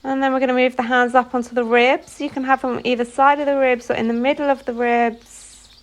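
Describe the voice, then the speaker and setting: A woman acts as a yoga nidra instructor, guiding a meditation with soothing instructions delivered phrase by phrase and separated by pauses. Her voice sits high and her tone stays level.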